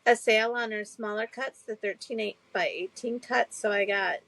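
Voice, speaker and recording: A woman co-hosting a casual chat, talking chattily and hesitantly with many pauses and fillers. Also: medium pitch, steady tone, fairly bright tone, dry recording, rough recording. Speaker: co-host.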